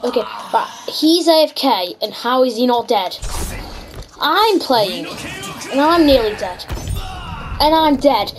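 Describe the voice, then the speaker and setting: A woman's voice: sits high, expressive, slow, long pauses, noisy background. A woman giving chatty, casual gameplay commentary as host, reacting aloud to the game. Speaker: gaming video host. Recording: music behind the voice. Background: background music.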